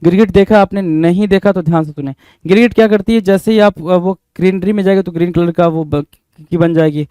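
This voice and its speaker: A man's voice: high voice, brisk, dark tone, clear, resonant tone, no echo. A young man teaching English vocabulary for exams, spelling words out letter by letter and asking and answering his own questions. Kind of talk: exam-prep vocabulary lesson.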